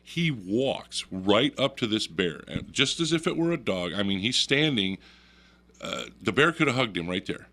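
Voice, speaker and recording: A man's voice: fairly low pitch, expressive, moderate pace, bright, forceful tone. A man telling a story on a radio talk show, laughing often and acting out the voices in it. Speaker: guest storyteller.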